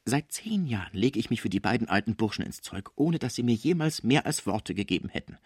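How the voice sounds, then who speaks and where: A man's voice: medium pitch, lively intonation, fairly quick, darkish tone, husky, no echo, clean studio sound. A man voicing a scheming middle-aged concierge woman who nurses the sick, overwrought and indignant as she protests her honesty.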